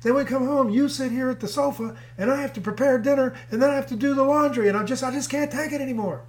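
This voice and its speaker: A male preacher voicing an exasperated young wife during a sermon story, raising his voice high and strained. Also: big pitch swings, racing.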